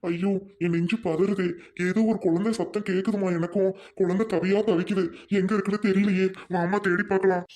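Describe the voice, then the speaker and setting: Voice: medium pitch, flat delivery, fast talker, close to an everyday voice. Someone voicing a kind, soothing village husband. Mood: anxious. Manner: soothing, reassuring.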